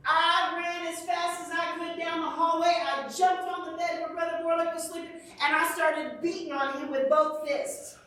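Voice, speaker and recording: Animated woman storyteller, very high voice. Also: moderate pace, hardly any pauses. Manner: animated storyteller, shrieks when acting out fright. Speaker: children's church teacher. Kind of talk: storytelling lesson to kids. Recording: echoey church room, from far off the mic.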